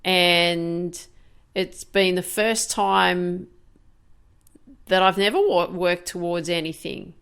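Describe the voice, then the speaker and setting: A woman in her fifties hosts a podcast, delivering a candid, reflective monologue in a slightly low voice. Her tone is smooth, resonant, steady and a bit bright with a gravelly edge. She is halting, often stopping and restarting mid-thought, with many fillers.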